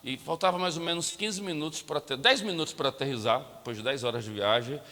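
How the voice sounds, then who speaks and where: A man's voice: on the high side, a little fast, sharp tone. A male pastor with a Brazilian Portuguese accent telling a story in a sermon, acting out the dialogue and turning often to speak to the congregation. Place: church sanctuary. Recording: long hall reverb from a church sanctuary.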